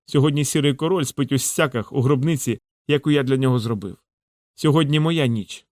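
A man's voice: mid-range voice, a little fast, darkish tone, no echo, studio quality, natural voice. A man voicing a crowing crime lord. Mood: triumphant. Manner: exultant, crowing, theatrical. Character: gloating vengeful male crime lord. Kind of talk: audiobook character reading.

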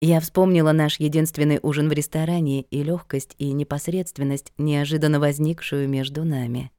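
A woman's voice: low-pitched, fairly even intonation, moderate pace, warm tone, dry recording, studio quality. Wry woman reading a first-person story. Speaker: audiobook narrator. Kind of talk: first-person audiobook narration.

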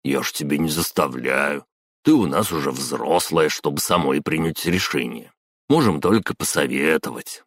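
A man playing a calm, caring father. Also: a bass voice, moderate pace, gravelly, no echo, clean studio sound, heavily acted. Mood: gentle. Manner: soft, calm, coaxing. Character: caring middle-aged father, gentle and persuasive.

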